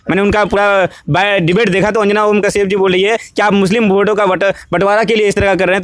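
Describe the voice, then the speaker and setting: Bihari male local reporter, high-pitched, rambling wordy questions, dry close audio. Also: dry recording. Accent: Bihari Hindi. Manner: wordy, hesitant, restarting questions. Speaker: interviewer.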